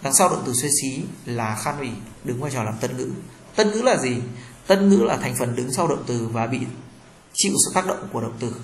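A man teaching a Chinese lesson, reading words and short dialogues slowly and explaining grammar. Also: mid-range voice, animated, slight background noise. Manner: slow, clear drilling of words, explains grammar. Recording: echoey room.

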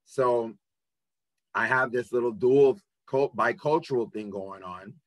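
A man of Nigerian and American upbringing giving an educational webinar talk, halting and full of ums and restarts over a video call. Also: medium pitch, no room sound. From Nigeria and the United States. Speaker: webinar presenter.

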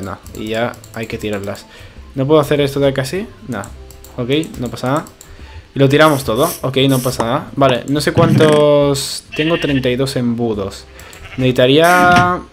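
Man chatting through a game tutorial. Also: medium pitch. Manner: chatty, explaining step by step, constant "¿vale?" checks. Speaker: gaming video creator. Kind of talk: casual gameplay tutorial narration. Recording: game audio with music behind.

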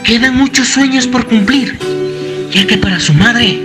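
A narrator reading a somber scripted voice-over in a measured, solemn way. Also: medium pitch. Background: guitar music.

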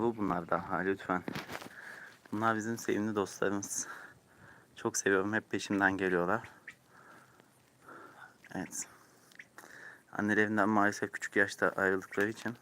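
A man casually vlogging outdoors as he shows his ducklings, coaxing and cooing at them and often urging viewers to subscribe. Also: low voice. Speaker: YouTuber showing his ducklings. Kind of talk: casual vlog narration. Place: outdoors in a hot yard. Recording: loud outdoor background noise.

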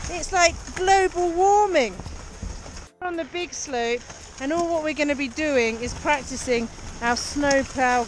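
A cheery, encouraging woman coaching a beginner as a ski instructor, calling out instructions and explaining to the camera. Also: sits high. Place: outdoors on a busy ski slope. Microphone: action camera held or worn. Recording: noisy outdoor action-camera sound.

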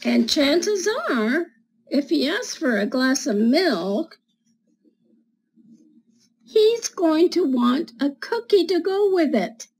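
In a small bookshelf-lined room at home, a woman in her 70s reads a children's picture book aloud, slowly and carefully, as a storyteller for schoolchildren who explains the pictures and gently questions her young audience. Her voice is high and sing-song. A webcam at desk distance gives a rough recording.

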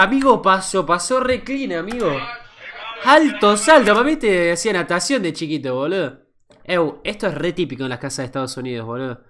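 An excitable streamer with an Argentine Spanish accent reacts live and greets his chat, swearing casually. His voice sits a little high.

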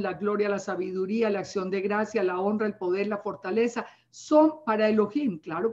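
A woman giving earnest, emphatic Bible teaching in a sermon style, often asking her listeners rhetorical questions. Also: medium pitch. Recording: dull lo-fi recording.

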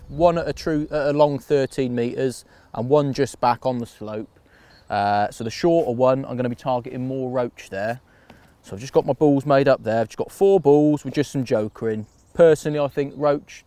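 A man's voice: mid-range voice, dry recording. English angler talking through his bait prep. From England. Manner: relaxed, practical, talks through each step. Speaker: angler demonstrating bait and feeding. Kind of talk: instructional fishing demonstration. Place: outdoors on a canal bank.

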